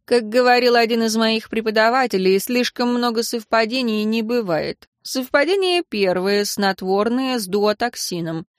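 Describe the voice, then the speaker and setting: A woman reading an audiobook and voicing a methodical male investigator who lays out his reasoning calmly. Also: fairly high pitch, normal speed, hardly any pauses, no room sound, studio quality, lightly acted. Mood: explaining. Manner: calm, reasoning, explanatory.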